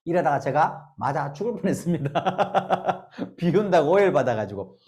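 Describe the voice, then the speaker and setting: A woman's voice: sits low, lively intonation, moderate pace, darkish tone. A middle-aged woman leading a laughter therapy lecture, drilling the audience with call-and-response and bursts of laughter. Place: lecture hall.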